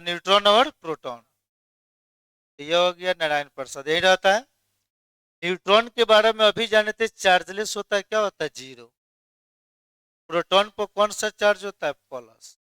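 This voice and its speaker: High, bright male teacher. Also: smooth, dry recording. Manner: quizzes students, then answers his own questions. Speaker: chemistry teacher. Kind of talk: classroom lecture.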